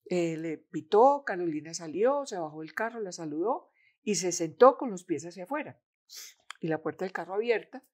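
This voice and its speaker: An older woman with a Colombian accent shares a long personal memory as an interview guest. Her voice sits a little low for a woman. She tells it in a lively way, taking on the voices of the people in her story as she quotes them. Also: normal speed. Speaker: interview guest, mother of the host.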